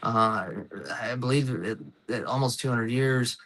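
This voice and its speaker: A man in his thirties hosts a casual talk show, his voice bright and forceful. He talks eagerly, drifting into nerdy history tangents full of ums and uhs. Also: medium pitch, unhurried. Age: 30s. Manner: eager, nerdy history digressions with many fillers. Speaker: host.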